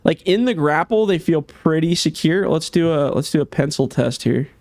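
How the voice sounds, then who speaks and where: A man's voice: a little high, expressive, moderate pace, a little mellow, no room sound. Chatty man thinking aloud over gameplay. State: slightly hoarse. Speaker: game modder. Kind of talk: casual gameplay commentary.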